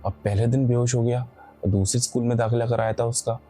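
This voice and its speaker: A man's voice: mid-range voice, level tone, brisk, warm tone, soft background music. A man casually telling a horror story, rambling and correcting himself with frequent filler asides. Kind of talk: casual spoken horror narration.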